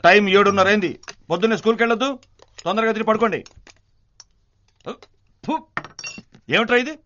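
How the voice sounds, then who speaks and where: A man's voice: sits high, quick pace, dull audio, a crowd in the background, lightly acted. An actor playing a stern, harsh magistrate father in a dubbed film drama. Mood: scolding. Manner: harsh, scolding.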